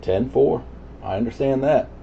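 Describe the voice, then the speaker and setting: Over a CB radio transmission, a man chats casually as an operator, his medium-pitched voice carrying vocal fry at a moderate pace. The audio is muffled with radio static throughout.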